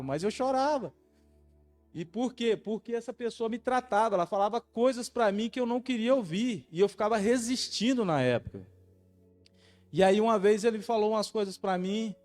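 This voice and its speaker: A Brazilian man giving a testimony sermon as a missionary student, talking in a halting, conversational way with many restarts. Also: high-pitched, a little mellow. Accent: Brazilian Portuguese.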